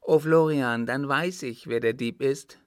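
A man reading aloud and voicing an eager, bright little boy who asks earnest questions. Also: mid-range voice, a little slow, vocal fry, no echo, clean studio sound, voice pushed up.

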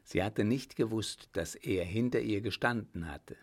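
Slow, gravelly male narrator. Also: lowish voice. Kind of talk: audiobook narration.

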